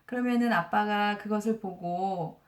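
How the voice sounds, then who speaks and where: A woman in her forties talks through a parenting book in a calm, explaining manner, as an elementary school teacher would. Her voice sits at a middle pitch, and the room around her gives it a noticeable echo. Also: measured pace. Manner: calm, explanatory, uses many soft fillers. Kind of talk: explanatory book review talk. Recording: roomy echo.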